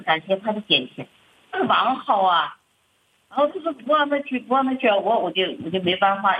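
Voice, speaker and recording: Middle-aged churchwoman, plaintive and hesitant, breathy voice, muffled sound. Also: medium pitch. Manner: hesitant, repeats words and restarts, plaintive. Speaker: church member sharing her troubles. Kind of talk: halting personal account. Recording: muffled lo-fi recording.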